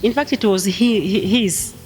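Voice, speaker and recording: A woman's voice: medium pitch, a little slow, a little mellow, faint music behind. A woman, sharing her life story in a hesitant, plain way. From Tanzania. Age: 50s. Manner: hesitant, plain, with Swahili words mixed in. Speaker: guest sharing testimony. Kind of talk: personal testimony interview.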